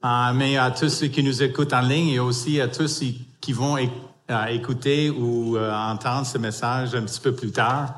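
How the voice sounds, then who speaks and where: A man in his fifties whose first language is English, giving a church sermon with an English accent, halting with many fillers and restarts. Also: mid-range voice, steady tone, echoey room. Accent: English-speaking, in French. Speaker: pastoral council member.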